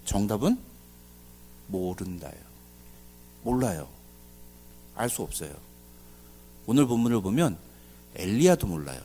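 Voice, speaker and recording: A man's voice: lowish voice, a little slow, pauses often, slight background noise. Male pastor mid-sermon, asks the room questions, voice jumps all over the place. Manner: animated preaching with loud dramatic outbursts. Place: church service.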